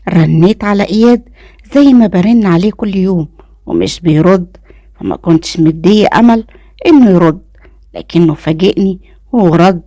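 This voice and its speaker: A woman's voice: fairly low pitch, mellow, no echo, studio quality. A woman with an Egyptian accent narrating a first-person story for her channel.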